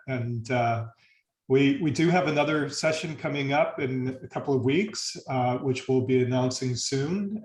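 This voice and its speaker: A man hosting a casual online panel discussion, easygoing, with lots of uh fillers as he wraps up. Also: medium pitch. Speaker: host. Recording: roomy video call audio.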